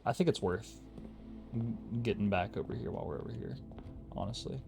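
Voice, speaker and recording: A man's voice: lowish voice, brisk, gravelly, music in the background. A man giving casual gameplay commentary, thinking aloud and muttering to himself as he plays. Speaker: gaming YouTuber.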